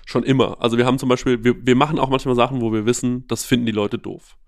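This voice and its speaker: A man chatting in a relaxed interview, spinning long stories with lots of "ähm" along the way. His voice sits in a middle register and comes through close and dry, with no room sound. He gets lively and quick when a story builds up. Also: mid-range voice, dry recording. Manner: animated storyteller, many fillers. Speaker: podcast host, guest here. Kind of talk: casual interview chat.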